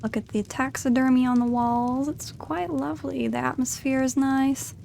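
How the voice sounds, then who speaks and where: A woman's voice: high-pitched, steady tone, normal speed, creaky, darkish tone, slight background noise. A woman giving chatty, giggly commentary as she role-plays through a video game. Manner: giggly, chatty, narrates her character's feelings. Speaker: gamer narrating her playthrough.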